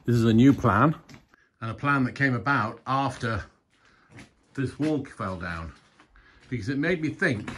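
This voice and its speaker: A middle-aged man filming a casual video diary on his farm. He explains each step, pausing and correcting his own words. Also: mid-range voice, a little hiss or hum. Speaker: farm restorer vlogging his progress. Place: old stone barn and farmland, outdoors. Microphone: phone camera at arm's length.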